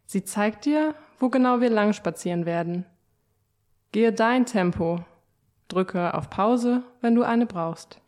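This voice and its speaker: A woman co-guiding a scripted audio walk, speaking in a gentle, reassuring and inviting way. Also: mid-range voice, animated, takes it slowly. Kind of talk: scripted narration.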